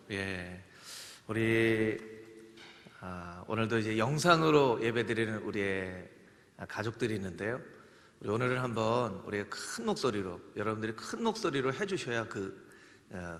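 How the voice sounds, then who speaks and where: Pastor, male, leads his flock warmly through recitation; bright voice with a long sanctuary echo. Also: on the low side, lively intonation, moderate pace. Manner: leads congregation in greetings and recitation, earnest. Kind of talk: sermon. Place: church sanctuary. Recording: long church hall reverb.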